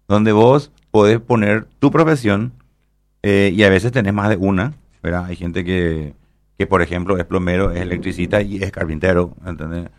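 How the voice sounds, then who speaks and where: A man explaining things at length, with many fillers and tag questions. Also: on the low side. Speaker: guest. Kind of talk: explaining an app in a radio interview.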